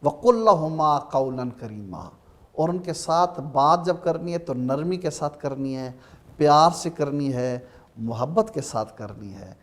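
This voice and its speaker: A man with a Pakistani Urdu accent, a religious scholar giving an emphatic, sermon-like talk on a Ramadan TV program, reciting verses slowly. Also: a little high.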